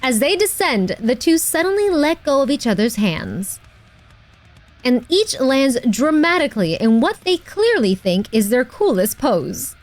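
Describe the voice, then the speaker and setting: High-pitched, cute anime-style woman streamer. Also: sing-song, a little slow, faint music behind. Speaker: VTuber streamer and voice actor. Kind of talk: livestream game playthrough, reading story aloud and chatting.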